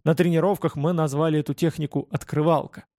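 A man narrating a first-person fantasy audiobook in a calm, steady reading voice. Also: on the high side, brisk, creaky, no room sound, clean studio sound.

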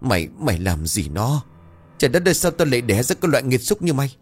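A man voicing a furious, scheming old village landlord who shouts and rages at his son. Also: low-pitched, very animated, a little fast, soft background music. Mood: enraged. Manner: shouting and raging.

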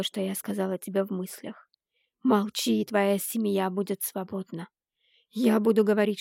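Woman reading calm steady mother figure, soft and slow, gravelly, dry audiobook sound. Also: medium pitch, no echo. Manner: calm, quiet, slow and measured.

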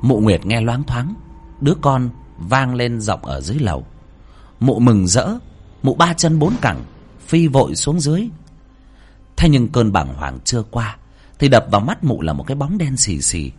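Husky guy narrating a horror story, voice swoops a lot, faint music behind. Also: medium pitch, big pitch swings, moderate pace. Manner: dramatic, swinging delivery.

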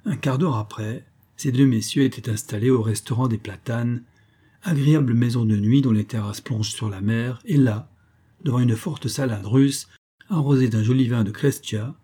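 A man reads a classic novel aloud in a measured, expressive way. His voice is husky and mellow, with a warm, dark tone, and the reading is steady and scripted. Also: medium pitch. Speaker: audiobook narrator. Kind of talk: scripted narration.

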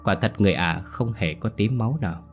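A man telling a ghost story in a calm, measured narration. His voice sits low, and quiet music plays faintly underneath.

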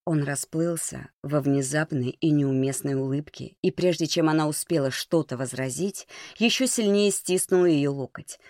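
A man narrating an audiobook in an even, steady storytelling manner. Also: a little high, moderate pace, hardly any pauses, dry recording, clean studio sound.

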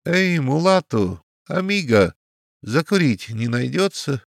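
A man voicing a rude, brash French police commissar who shouts insults at strangers. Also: mid-range voice, big pitch swings, measured pace, no echo, studio quality, voice pushed up. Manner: shouting, insolent.

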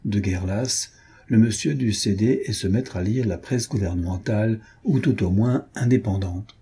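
A man narrating a classic short story for an audiobook in a measured, wry way. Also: on the low side, dark tone, husky.

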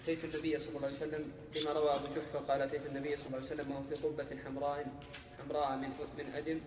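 A man reading a text aloud to his teacher, rushing through it in a flat monotone. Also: fairly high pitch, music in the background. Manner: reads rapidly in a flat monotone. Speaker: student reading a hadith aloud. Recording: echoey hall with a gathered crowd, heard from afar.

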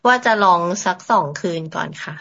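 A woman's voice: fairly quick, fairly bright tone. A woman on a video call speaks to the monk in a polite, respectful way about transcribing his talks. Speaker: follower and transcriber. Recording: dull, muffled call audio.

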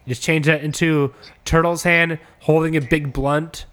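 A man with a slightly high voice, riffing casually through a joke pitch. He rambles, stacking "like" and "you know" as he goes, keeping a loose, unhurried comic delivery. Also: fairly even intonation, a bit bright, clean tone. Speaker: comedy podcast host pitching ideas.

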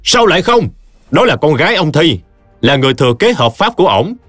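A man's voice: medium pitch, sing-song, moderate pace, no room sound, studio quality, faint music behind, lightly acted. A man doing a stern scornful village chief. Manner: commanding and contemptuous.

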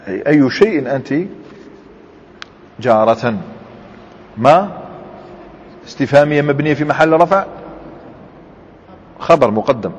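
Husky-voiced man teaching grammar in a hall. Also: mid-range voice. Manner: explains step by step, quizzes students, mixes dialect with formal Arabic. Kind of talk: classroom grammar lesson. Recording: dull lo-fi recording in a large reverberant hall.

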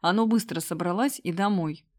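Audiobook figure: woman doing a cool, calm brother who gives orders and threats without raising his voice. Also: mid-range voice, moderate pace, slightly rough, no room sound, clean studio sound, close to an everyday voice. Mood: cold. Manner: cold, commanding. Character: young man, cold older brother.

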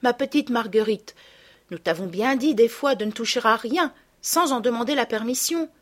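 Storybook role: a woman playing a kind young girl, a bit higher and louder, earnest and consoling. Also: lively intonation, moderate pace. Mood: gently scolding. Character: gentle, kind young girl, older sister figure.

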